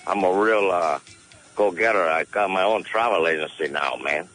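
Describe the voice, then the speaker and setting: A man's voice: deep voice, moderate pace, fairly bright tone, soft background music, rough recording. A man playing a folksy, scheming caller who speaks broken English on a radio call-in show. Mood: jokey. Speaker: comic call-in character. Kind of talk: radio call-in comedy bit.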